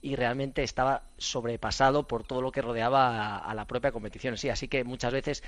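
Middle-aged male running coach from Spain; animated, anecdotal radio talker, mid pitch, dry mic. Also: a little fast, dry recording. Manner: chatty, animated storyteller with many fillers and restarts. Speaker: running coach and former athlete guest. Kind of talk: casual radio chat.

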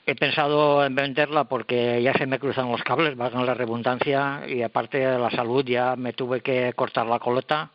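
An older man answers an interviewer with many pauses and repeated words. His voice is recorded dry and sounds dull and lo-fi, as if on a modest line. He sits at a middle pitch. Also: flat delivery, no room sound. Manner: hesitant, repeats words and restarts. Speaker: radio collector guest.

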